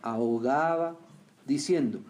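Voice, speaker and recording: A man preaching a sermon who keeps asking his listeners questions and answering them, rising loud on key lines and dropping low and quiet on others. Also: takes it slowly, a little hiss or hum. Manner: swings between raised emphatic lines and quiet low remarks.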